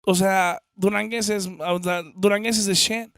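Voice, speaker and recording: A man's voice: high voice, steady tone, moderate pace, fairly bright tone, clear, resonant tone, dry recording, clean studio sound. A man in a band, chatting casually in slangy Spanglish, with many stammers and restarts. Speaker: band member guest. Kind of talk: casual podcast chat.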